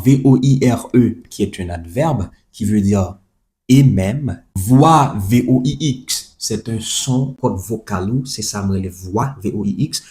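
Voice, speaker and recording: A man's voice: lowish voice, dark tone. A man teaching a French lesson, spelling words letter by letter, repeating each example and adding chatty asides to the listener. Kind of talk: explaining a language lesson.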